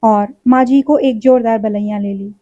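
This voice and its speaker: Woman storyteller, high pitch, dull lo-fi recording. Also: fairly even intonation, measured pace, mellow, no room sound. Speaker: story reader. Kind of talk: literary story narration.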